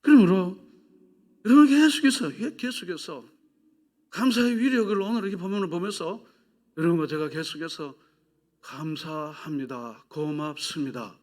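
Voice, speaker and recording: A man's voice: sits high, normal speed. Emphatic preaching pastor, man. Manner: emphatic preaching, swings from loud exhortation to hushed whispers; asks the congregation questions and leads them in repeating phrases. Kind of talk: sermon. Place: church sanctuary.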